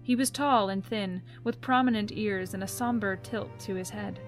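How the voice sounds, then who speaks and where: Soft-spoken woman reading a story. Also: medium pitch, over music. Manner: soft, gentle, unhurried. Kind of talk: storybook narration.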